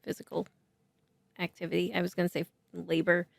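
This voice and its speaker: A woman's voice: lowish voice, monotone, fairly quick, vocal fry, no echo, studio quality. A heavily pregnant woman co-hosting a casual chat show, teasing dryly and laughing often. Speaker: co-host.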